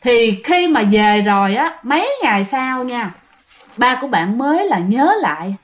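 Animated southern Vietnamese woman telling a ghost story. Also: on the high side, measured pace. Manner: chatty, addresses listeners directly, animated retelling. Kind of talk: casual spoken storytelling.

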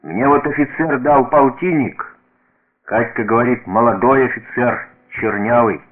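A man voicing a proud, dying old veteran soldier who shouts and boasts in a radio reading. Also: mid-range voice, measured pace, voice pushed up, lightly acted. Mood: rousing. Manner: shouting, boastful, breaking into coughs. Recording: tinny radio broadcast.

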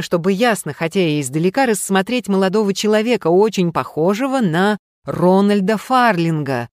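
A narrator giving a measured audiobook reading of a detective story. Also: medium pitch, dry recording, clean studio sound.

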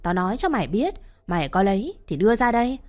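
A woman's voice: mid-range voice, sing-song, fast talker, darkish tone, close to an everyday voice. A woman voicing an older mother-in-law who scolds and accuses her daughter-in-law in a harsh, coarse way, over faint background music. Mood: shrill accusing. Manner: abusive, uses coarse address terms.

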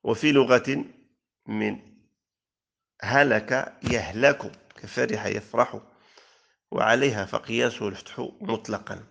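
Male teacher, low gravelly voice, measured recitation of verse in a grammar lesson. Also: fairly even intonation, a bit bright. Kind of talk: classical Arabic grammar lesson.

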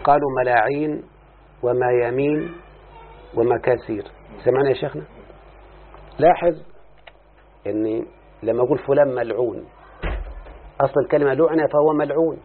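A man's voice: medium pitch, a little fast, pauses often, slight background noise. A man teaching a grammar lesson, often stopping to question and address his listener. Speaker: teacher of Arabic morphology. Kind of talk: classroom lesson explaining a text. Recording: muffled phone-like lo-fi sound.

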